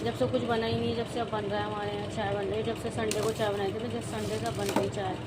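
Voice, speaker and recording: Woman vlogger, casual and chatty, addresses viewers in a home kitchen; loud background noise. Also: medium pitch, level tone, fast talker. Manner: chatty, talks straight to viewers. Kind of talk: casual home cooking vlog.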